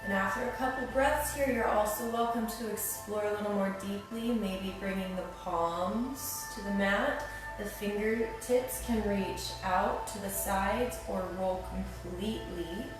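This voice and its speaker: A woman teaching yoga, guiding a class in a soothing, unhurried manner. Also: medium pitch. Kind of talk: guided yoga class instruction. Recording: very echoey room, distant mic, music behind. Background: music.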